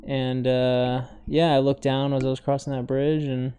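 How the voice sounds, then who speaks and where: A man's voice: medium pitch, level tone, normal speed, warm tone, clean tone. A young man co-hosting a podcast, telling stories in a laid-back, joking way full of fillers. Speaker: podcast co-host. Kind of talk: casual chat.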